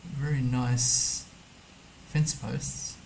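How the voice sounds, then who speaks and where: A man's voice: mid-range voice, little pitch movement, very slow, creaky, darkish tone, slight background noise, low-quality recording. A man streaming a map game, thinking aloud casually as he mutters guesses and reads numbers to himself. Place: indoor streaming setup.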